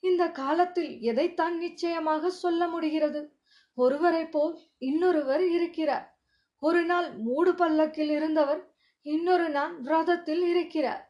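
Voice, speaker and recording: A woman's voice: extremely high pitch, steady tone, unhurried. A woman reading the part of a cheeky young male warrior who talks in evasive, mock-humble riddles, on a dull lo-fi recording. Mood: sly. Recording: dull lo-fi audio.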